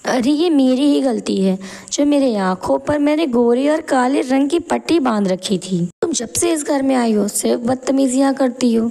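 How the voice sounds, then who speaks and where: A woman voicing a harsh middle-aged mother-in-law in an animated moral story, who scolds with sharp taunts. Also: high voice, moderate pace, vocal fry, few pauses. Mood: stern.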